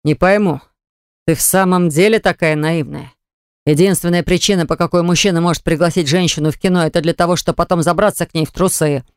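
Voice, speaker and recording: A reader voicing a jealous, hot-tempered man who growls and hisses his words, lower than the narration, in an audiobook. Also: steady tone, fast, smooth, no room sound, clean studio sound, natural voice. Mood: furious. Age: adult. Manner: growling, hissing through teeth. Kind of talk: audiobook acting.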